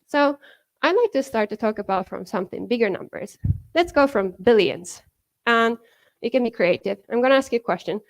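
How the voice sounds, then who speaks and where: A woman from Japan addresses a conference hall with a Japanese accent, her highish voice animated, a little fast, and touched with vocal fry. She rambles chattily through fillers like "you know" and "like" and laughs a lot.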